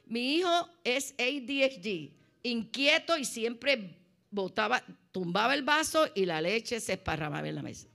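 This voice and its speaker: A middle-aged woman with a Puerto Rican Spanish accent tells her conversion story with lively, animated storytelling. Her voice sits slightly high, and she acts out the people she quotes. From Puerto Rico. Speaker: church member sharing testimony. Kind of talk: personal testimony in conversation.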